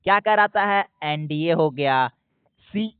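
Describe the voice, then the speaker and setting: A man teaching an exam prep lesson, asking questions and answering them himself, repeating key points slowly. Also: a little high, clean tone, dry recording. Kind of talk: explanatory lesson. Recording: dry, phone-like narrow sound.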